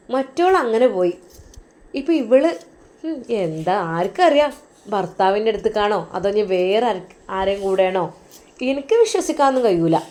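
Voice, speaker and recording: A woman with a Malabar accent voicing a scornful young sister-in-law who sneers and scolds loudly. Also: mid-range voice, lightly acted. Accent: Malabar Malayalam.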